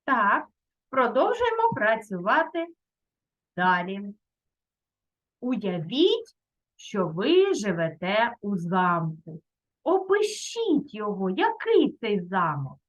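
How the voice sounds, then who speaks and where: A middle-aged woman teaching children in a video lesson, speaking gently and encouragingly. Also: mid-range voice, wildly swooping pitch, slow pace, pauses often, highs cut off. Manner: gentle and encouraging, uses diminutives. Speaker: primary school teacher.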